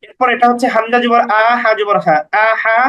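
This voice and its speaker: A man's voice: extremely high pitch, steady tone, moderate pace, bright, forceful tone, muffled recording. A man teaching beginners to read the Quran, spelling out each letter and vowel mark syllable by syllable with patient, brief explanations.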